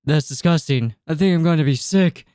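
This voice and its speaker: Sitting close to a desk microphone in a small room at home, this twentysomething gaming YouTuber voices the on-screen text and reacts offhandedly. He talks fairly quickly in a rather high, dark-toned voice, with game music playing underneath.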